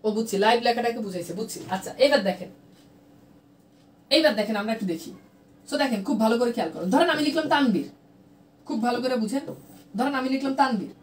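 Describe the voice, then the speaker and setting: High-pitched woman teaching in an echoey room. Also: animated, quick pace, pauses often. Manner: repetitive, drilling questions to students. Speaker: grammar teacher. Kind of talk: live online class. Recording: echoey room, distant mic, faint noise.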